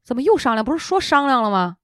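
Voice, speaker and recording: A woman's voice: high-pitched, very animated, quick pace, a bit bright, no echo, clean studio sound. A woman co-hosting a podcast, a supportive listener who keeps up a stream of short agreeing replies. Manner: supportive listener with constant backchannels. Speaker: podcast co-host. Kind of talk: casual chat.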